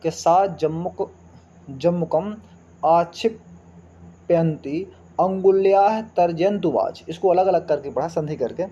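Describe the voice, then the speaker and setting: A man's voice: a little high, mellow, dull audio, slight background noise. A man teaching a Sanskrit lesson, reading verses and explaining them word by word, asking questions as he goes. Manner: reads verses slowly then explains word by word, asks rhetorical questions. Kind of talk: line-by-line text explanation lesson.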